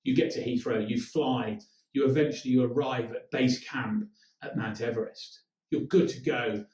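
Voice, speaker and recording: A man's voice: medium pitch, fairly even intonation, moderate pace, darkish tone. Guy teaching leadership, direct and firm, echoey room from a bit far off. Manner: direct, instructive, with acted-out quotes. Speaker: leadership trainer. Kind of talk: presenting a training talk. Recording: echoey room, mic some way off.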